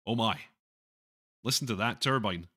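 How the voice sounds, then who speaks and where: A man hosting a live stream, chatting casually with viewers, self-deprecating and halting, with many restarts. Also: medium pitch, bright, forceful tone, breathy edge. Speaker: livestream host reading chat.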